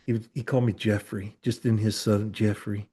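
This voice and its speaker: A man's voice: on the low side, flat delivery, a little fast, warm tone, slightly rough. A man in his fifties, a therapist hosting a podcast, chatting casually with many restarts and casual swearing. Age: 50s. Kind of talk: casual conversation.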